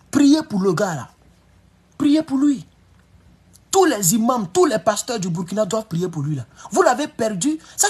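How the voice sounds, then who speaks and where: A man giving excitable, emphatic political commentary on a live stream. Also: extremely high pitch, husky.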